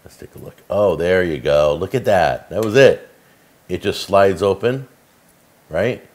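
A man's voice: deep voice, unhurried. A middle-aged man hosting a cooking show, chatting casually and enthusiastically as he shows off gadgets in his home kitchen. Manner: chatty, enthusiastic, filler-heavy. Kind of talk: casual product demo.

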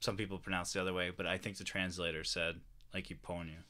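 A man co-hosting a casual podcast gives his gaming opinions bluntly and swears a lot. He talks quickly in a slightly low voice with a bright, pointed tone. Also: little pitch movement. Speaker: podcast co-host. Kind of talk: casual chat about video games. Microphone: podcast microphone.

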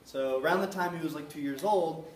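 A man's voice: fairly high pitch, brisk, a little mellow, slight background noise. A man giving a casual, rambling talk as a guest speaker to a class. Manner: chatty, rambling, many fillers. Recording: roomy, from far off.

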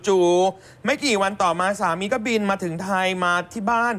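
A male presenter briskly and politely reading an entertainment news story. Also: high-pitched, fairly bright tone.

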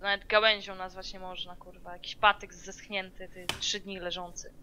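A woman's voice: medium pitch, level tone, normal speed, background noise. A woman moderating a stream, teasing and nagging the streamer with heavy swearing in casual bickering chat. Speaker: channel moderator.

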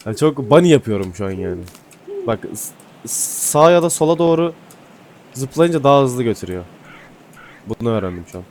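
A man giving casual gameplay commentary, excitable and swearing casually, then dropping to mumbling asides. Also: mid-range voice, a little hiss or hum. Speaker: gaming YouTuber. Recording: faint music behind.

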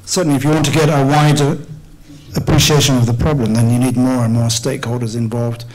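A middle-aged man answering questions on a conference panel, measured and thoughtful, often restarting phrases and clearing his throat. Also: mid-range voice, little pitch movement, darkish tone, low-quality recording. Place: conference hall. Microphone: table microphone.

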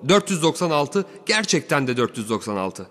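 A man voicing a hunched, gleeful old man with a wheezy, raspy voice in an audiobook story. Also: on the high side, big pitch swings, normal speed, fairly bright tone, in a large hall.

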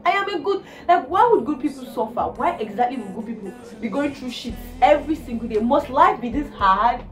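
A young woman with a Nigerian accent vlogging at home, ranting about a hard week with exasperated, animated talk. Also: on the high side. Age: young adult. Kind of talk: casual vlog rant. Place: indoors, living room. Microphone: phone camera.

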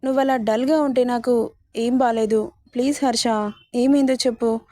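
A woman's voice: on the high side, fairly even intonation, moderate pace, dark tone, no echo, clean studio sound, close to an everyday voice. A woman voicing an affectionate young woman in a spoken romance story, in a coaxing, sweet manner.

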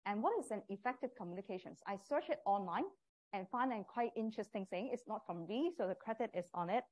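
A woman's voice: medium pitch, fast talker, a little mellow. A woman with a Cantonese accent, a non-native English speaker with small grammar slips, gives a live presentation as a professor. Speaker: professor teaching a communication course. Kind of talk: live presentation to prospective students.

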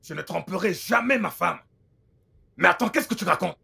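A devoted husband, dubbed by a man in a film, earnest and protective. His voice has a gravelly edge. His pitch swings widely when he protests. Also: animated, moderate pace, pushed and bright, exaggerated voice. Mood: indignant. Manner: emphatic, indignant protests. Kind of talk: French film dub.

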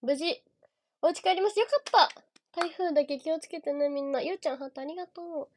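Bubbly high-voiced young Kansai woman. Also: fast talker, slight background noise. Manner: bubbly, chatty, giggly, calls out viewer names. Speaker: idol livestream host. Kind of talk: casual livestream chat reading viewer gifts.

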